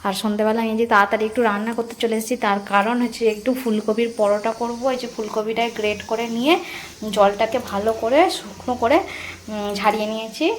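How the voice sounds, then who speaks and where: A woman talks quickly and chattily to her viewers, walking them through her cooking. Her voice stays fairly flat in pitch, and a clear hiss of noise plus the sizzle and clatter of a home kitchen sits behind her. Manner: chatty, addresses viewers directly, frequent fillers. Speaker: home vlogger. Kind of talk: casual vlog narration while cooking.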